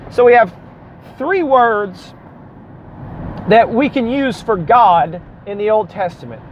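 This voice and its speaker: Southern man teaching a Bible class, talks in a fairly high register, explains patiently, dull recording. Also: animated, slow, a little hiss or hum. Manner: explanatory, spells out letters, self-correcting asides. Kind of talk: classroom lecture.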